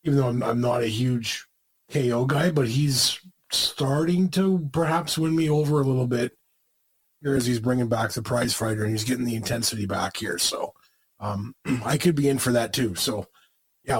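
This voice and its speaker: A husky-voiced man co-hosting a podcast. He chats casually, rambling and restarting his sentences as he goes. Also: mid-range voice, normal speed, low-quality recording. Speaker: podcast co-host. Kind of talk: casual wrestling chat.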